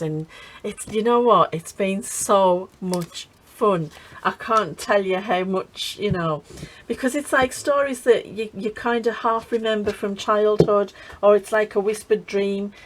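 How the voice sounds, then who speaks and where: A woman's voice: mid-range voice, steady tone, unhurried, hardly any pauses, poor audio. This is a middle-aged woman, chatting casually about her crafts and family. She laughs a lot, trails off and starts over, and her voice sits in a middle register. A faint hiss runs under the recording. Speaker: craft channel host.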